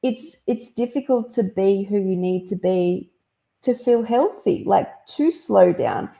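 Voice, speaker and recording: A woman's voice: mid-range voice, animated, unhurried, gravelly, mellow. A woman hosting an interview, affirming her guest and asking open questions. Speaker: host. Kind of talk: casual interview chat.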